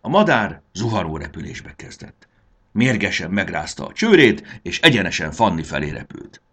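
A man narrating a children's fantasy story as an expressive, dramatic audiobook reader. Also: deep voice, husky.

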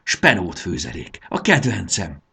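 A man's voice: sits low, very animated, creaky, slightly rough, full character voice. A man doing a bossy scolding schoolgirl. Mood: cheerful. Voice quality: scolding, sharp-tongued.

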